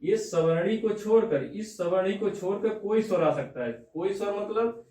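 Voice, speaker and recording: Recorded from afar in an echoey room, this teacher works through Hindi grammar at a moderate pace, questioning the class and repeating "theek hai na?" to make sure they understand. His voice is high but dark in tone.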